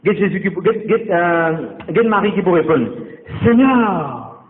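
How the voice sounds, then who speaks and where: A man's voice: sits high, animated, a little slow, slight background noise. A man pastor preaching a sermon, repeating his phrases and calling straight out to the congregation, with English words mixed into his speech. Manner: repetitive, exhorting, addresses the congregation directly. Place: church. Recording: tinny, echoey church hall sound.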